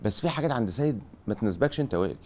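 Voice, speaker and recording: Speaking very fast and expressively, a middle-aged podcast host who used to be a football director hosts a chat and offers advice in an Egyptian Arabic accent. His medium-pitched voice has a darkish tone, and he frequently checks in with rhetorical questions.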